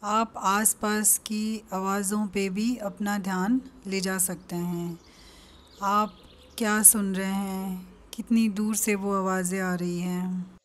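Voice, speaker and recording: An Indian-accented woman of medium pitch guides a meditation, delivering quiet, gentle instructions. She lets long pauses stretch between each one.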